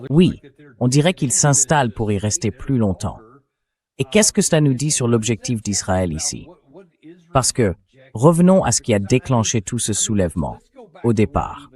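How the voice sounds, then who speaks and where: A synthetic male dubbing voice plays the host in a political interview, reading a translated version as he asks questions. The voice is medium-pitched and sing-song, with a moderate pace and a somewhat dark tone.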